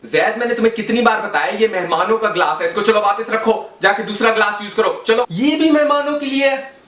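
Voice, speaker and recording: A man's voice: steady tone, a little fast, lightly acted. A man playing a scolding, sarcastic middle-aged mother with a Pakistani accent, in a comedy sketch. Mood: nagging. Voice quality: shrill, nagging, sarcastic. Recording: roomy, slightly distant home video.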